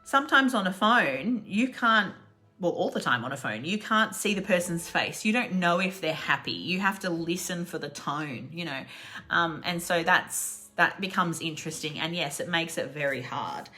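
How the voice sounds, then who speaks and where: An Australian woman giving a casual online English lesson, chatty and laughing often, slowing down to repeat example phrases. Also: lowish voice, expressive, sharp tone, faint music behind. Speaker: English teacher.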